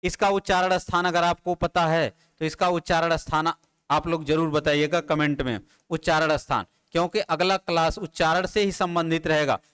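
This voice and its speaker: A man's slightly high voice stays steady at normal speed, bright and smooth, as he gives a Hindi grammar lecture at a classroom board. His repeated drills have him putting questions to his students and answering them himself, and he addresses them familiarly.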